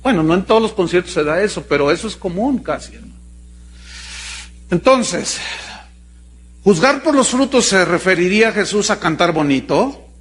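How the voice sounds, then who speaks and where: A man from Mexico with a Jalisco accent, a pastor preaching a sermon in an animated, joking way, full of rhetorical questions. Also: sits high, normal speed, pauses often, husky. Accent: Mexican Spanish, Jalisco. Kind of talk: sermon with storytelling.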